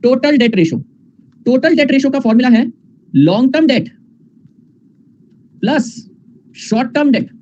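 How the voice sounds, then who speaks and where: A man's voice: very high voice, animated, normal speed, pauses often, a little mellow, lo-fi sound. A man teaching an online finance class, repeating formulas and calling his students "beta", with a teasing manner.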